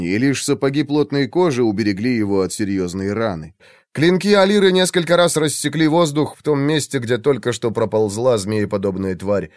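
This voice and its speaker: A man reading a fantasy novel aloud in a measured, dramatic narration. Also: mid-range voice, a little mellow, no room sound, studio quality. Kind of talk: audiobook narration.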